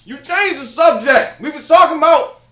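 An exasperated college-age son. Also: male voice, very high voice, expressive, echoey room, exaggerated voice. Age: young adult. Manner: fast, argumentative, loud outbursts. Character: exasperated young man arguing with his father. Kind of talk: comedy sketch acting.

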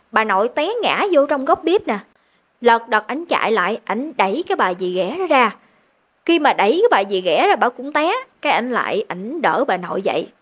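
Brief: female storyteller, Southern Vietnamese, chatty and emphatic, very expressive pitch. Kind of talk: narrating a ghost story.

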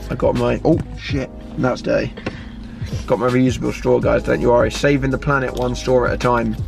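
Creaky-voiced young southern English man vlogging. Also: medium pitch, flat delivery, moderate pace, over music. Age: 20s. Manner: chatty, informal. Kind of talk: casual vlog chat. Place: in a parked car, on city streets and in shops. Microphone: handheld vlog camera at arm's length.

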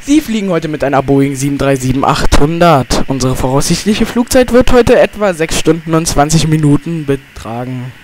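Pilot giving a formal cabin announcement, male, lively slightly high voice, trips on the numbers. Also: slight background noise. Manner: stumbles over flight numbers and restarts. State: making a cabin announcement to passengers. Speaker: airline pilot.

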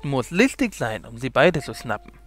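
Cunning storybook mountain lion, low and wheedling, read by a man. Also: very animated, moderate pace. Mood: scheming. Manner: coaxing, low and hushed. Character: sly hungry male mountain lion, smooth talker.

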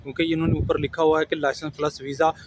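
A man's voice: fairly high pitch, level tone, very fast. A man, giving earnest job advice to viewers in a casual vlog, recorded outdoors on a camera held at arm's length. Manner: earnest, advising, addresses viewers as friends. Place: outdoors on a grassy lawn by buildings. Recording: outdoor ambience with traffic noise.

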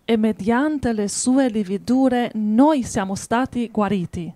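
Woman scripture reader, steady, slightly high voice, dry sound. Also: no echo. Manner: steady, measured reading with soft amens. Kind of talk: reading scripture aloud and praying.

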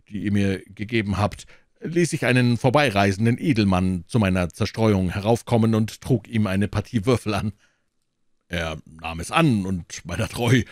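A man's voice: on the low side, no echo, clean studio sound, close to an everyday voice. A man reading an audiobook and voicing a boastful, pleasure-loving male musketeer laid up in bed, blustering and grand.

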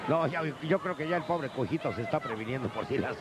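A man's voice: medium pitch, animated, fast talker. A man with a Mexican accent giving jokey, colloquial live wrestling commentary. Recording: noisy arena broadcast. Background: loud arena noise.

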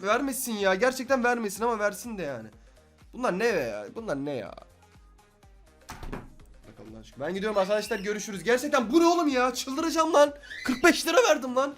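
A young man talks fast and high over faint background music. He commentates his gameplay, bursting into shouts and then dropping to mutters. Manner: excitable, swings from shouting to muttering. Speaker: gaming YouTuber.

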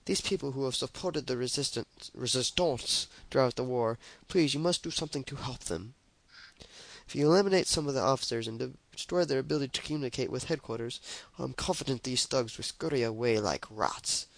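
A man's voice: mid-range voice, brisk, vocal fry, no room sound, natural voice. A young man voicing a French resistance woman, reading her mission briefing aloud in a mock French accent.

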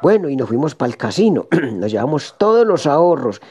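Animated man telling a joke. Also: on the high side, moderate pace, breathy edge. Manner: animated storyteller, acts out voices of wife and others. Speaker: joke teller. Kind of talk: storytelling joke.

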